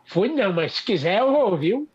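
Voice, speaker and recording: A man's voice: sits high, big pitch swings, slightly rough, muffled recording, full character voice. A man playing a boastful, stubborn older bricklayer, blustering and cursing on a radio show. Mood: grumbling, boastful. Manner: blustery, quick to grumble and curse. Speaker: comic character on a radio show.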